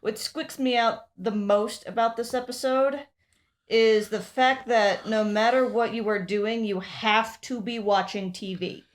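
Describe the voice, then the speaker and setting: A woman's voice: a little high, fairly even intonation, measured pace. Chatty woman agreeing and explaining. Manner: agreeable, explains plot in detail, frequent "yeah" and "uh". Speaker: podcast co-host. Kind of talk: casual chat.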